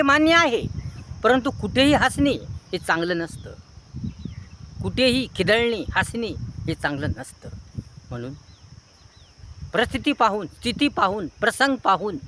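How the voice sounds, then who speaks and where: A man with a fairly high voice delivers an earnest moral lecture. He piles up near-synonyms in long repetitive chains. Clear outdoor noise from a rural setting runs under his voice. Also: animated, normal speed, pauses often. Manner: earnest, preachy. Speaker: motivational speaker. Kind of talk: moral advice monologue.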